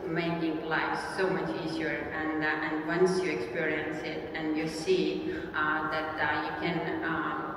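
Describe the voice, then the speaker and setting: A woman's voice: deep voice, completely flat delivery, slow, background noise. A woman on a conference panel, answering hesitantly with many fillers. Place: large conference hall. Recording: echoey hall recorded from far off.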